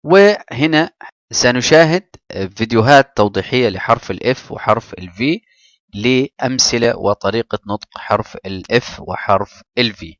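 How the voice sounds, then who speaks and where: A man's voice: mid-range voice, expressive, normal speed, no echo, studio quality. A man with an Egyptian Arabic accent, teaching English to children and explaining in Arabic between the English words.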